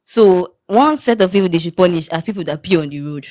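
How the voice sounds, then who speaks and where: A woman's voice: fairly low pitch, fairly quick. Nigerian woman telling stories animatedly. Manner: animated storytelling, mixes in pidgin. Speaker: podcast co-host. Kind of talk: casual chat.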